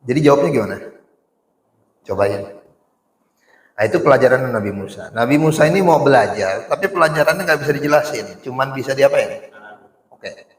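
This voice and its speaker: A man's voice: medium pitch, a little fast, pauses often. Guy giving a chatty sermon, asks the crowd questions, big echoey hall sound. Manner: animated, rhetorical questions to the audience; colloquial speech with Arabic recitation. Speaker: Islamic preacher. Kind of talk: casual sermon storytelling.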